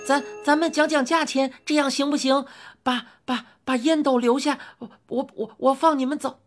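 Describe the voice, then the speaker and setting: A woman voicing a sly, tiny male boss in a storybook reading, high and shrill, stammering as he haggles. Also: steady tone, normal speed, faint music behind, lightly acted. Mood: stammering, pleading.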